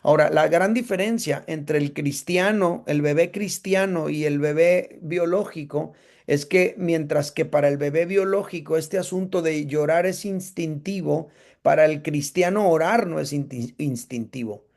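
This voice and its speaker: Male Bible class teacher, fairly high, gravelly, casual and conversational. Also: unhurried, darkish tone. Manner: conversational, checks in with listeners.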